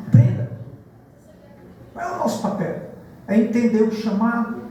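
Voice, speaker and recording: A pastor preaching a sermon in a church, telling stories and acting out the people in them. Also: male voice, very high-pitched, moderate pace, slight background noise. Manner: lively storytelling preacher, acts out dialogue. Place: large church hall. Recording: very echoey church from far off.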